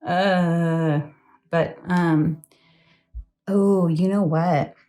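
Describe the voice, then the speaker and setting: A woman's voice: on the low side, steady tone, extremely slow, dark tone. A woman giving a casual tarot reading late at night, chatty and rambling, with many fillers, and sounding tired. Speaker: tarot reader.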